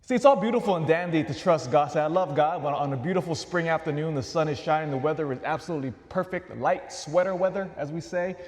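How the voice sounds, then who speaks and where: A man preaching a homily as a priest, asking questions and moving from loud emphasis to soft asides. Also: on the high side, quick pace, hardly any pauses. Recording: echoey church hall.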